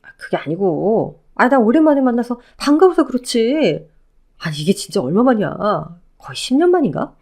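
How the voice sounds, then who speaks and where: A woman's voice: a little high, sing-song, normal speed, darkish tone. A wheedling, self-pitying ex-husband, as a woman reads him in an audio drama. The voice rises and falls widely as he whines and pleads. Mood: pleading. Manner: pleading, whiny. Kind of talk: Korean audio drama reading.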